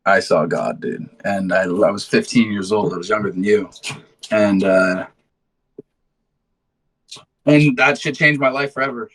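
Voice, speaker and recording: On a low-quality recording, a twenty-something musician from a band talks in an interview, unhurried and often pausing, his voice on the low side with a fairly bright tone. He grew up in London before relocating to the United States for high school. The chat is casual, his anecdotes slangy, sweary and easygoing.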